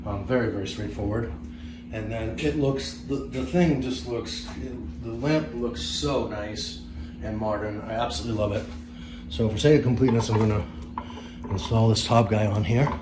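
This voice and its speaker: A man's voice: lowish voice, moderate pace, echoey room, noisy background. A man with a Boston accent, a tech vlogger talking casually through an unboxing from his living room, rambling with lots of ums and restarts into a camera on a tripod.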